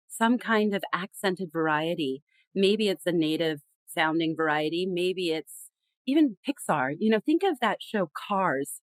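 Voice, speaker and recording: Woman, podcast guest, lowish voice, emphatic, expressive, dry recording. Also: no room sound, rough recording. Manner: emphatic, expressive, lively storytelling. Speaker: podcast guest, communication expert. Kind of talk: conversational interview.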